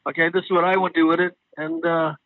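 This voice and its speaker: A man being interviewed as a guest singer, telling stories in a casual, animated way and acting out what others said. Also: fairly high pitch, fast talker, no room sound. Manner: animated storyteller, acts out quoted exchanges. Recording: tinny phone line.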